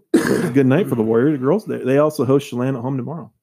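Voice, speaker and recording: Laid back sports radio guy, kinda gravelly, mellow low voice, reads scores and jokes. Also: a little fast. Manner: upbeat, joking, reads scores. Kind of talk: casual sports talk.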